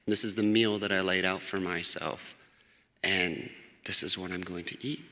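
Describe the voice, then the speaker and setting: An American man in his forties, a grandson giving a casual eulogy in a church, shares rambling memories and laughs as he goes. His voice is low and bright with a forceful tone, fairly even intonation, and normal speed. The church microphone picks up the hall's long reverb.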